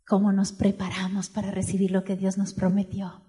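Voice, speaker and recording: A woman preaching a sermon in church, telling a story and asking the congregation questions, moving between hushed and loud passages. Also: medium pitch, monotone, normal speed.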